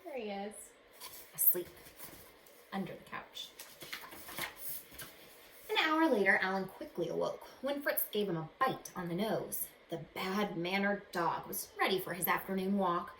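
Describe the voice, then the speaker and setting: This teacher's voice sits in the mid range with a fairly bright tone as she reads a children's storybook to young listeners. Her delivery is dramatic, with pauses to pose questions to the kids. Faint background noise and a roomy echo fill the recording.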